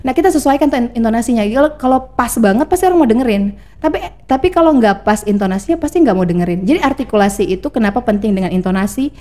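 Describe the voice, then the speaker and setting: Chatty woman explaining with a high voice. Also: lively intonation, quick pace, warm tone. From Indonesia. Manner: chatty and explanatory, teaching with examples. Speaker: podcast guest, former radio announcer. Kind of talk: casual podcast interview.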